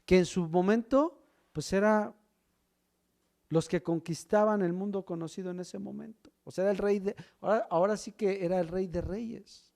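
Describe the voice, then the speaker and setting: A man preaching a sermon, swinging from loud emphasis to hushed low lines and asking the congregation questions as brothers. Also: normal speed, vocal fry. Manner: asks the congregation questions, addresses them as brother. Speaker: pastor.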